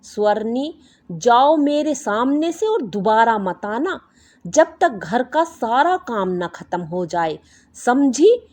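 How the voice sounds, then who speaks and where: A woman's voice: on the high side, very animated, slow pace, darkish tone, full character voice. A woman voicing a harsh, scheming middle-aged mother-in-law who scolds and gives commands in a storybook. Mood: scolding. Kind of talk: storybook voice acting.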